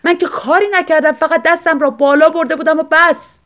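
A woman's voice: high voice, steady tone, a bit bright, pitched above the performer's own voice. A woman voicing a grumbling, sarcastic old grandfather in an audiobook story. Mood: indignant. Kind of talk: audiobook reading.

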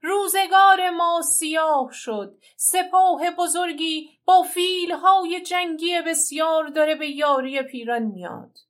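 A woman voicing a male lookout soldier on a mountain, shouting urgent warnings in a story. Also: very high voice, few pauses, voice pushed up. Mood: alarmed.

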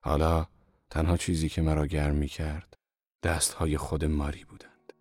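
A man narrating a novel as an audiobook, in a calm, measured storytelling manner. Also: very deep voice, dry recording, studio quality.

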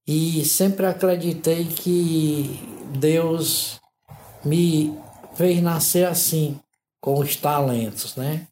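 A man in his 60s from Ceará, Northeast Brazil, an artist and modeler, tells his life story as an interview guest in unhurried, reflective storytelling. He is measured and thoughtful, often adding "né?" tags. His fairly high voice is mellow, with slight background noise and a roomy echo.

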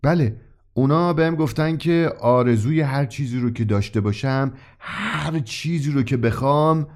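A man's voice: medium pitch, voice pushed up, close to an everyday voice. A man voicing a cautious, shy young customer who talks politely and hesitantly in a read-aloud story. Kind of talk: audiobook character reading.

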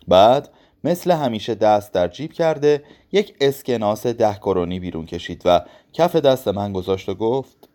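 A man narrating a literary audiobook in a calm, measured reading voice. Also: mid-range voice.

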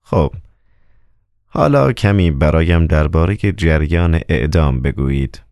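Man reading a hoarse, stern Roman governor. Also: extremely low pitch, animated, a little mellow, no echo, studio quality. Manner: measured formal questioning. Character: stern male Roman governor, anxious, commanding.

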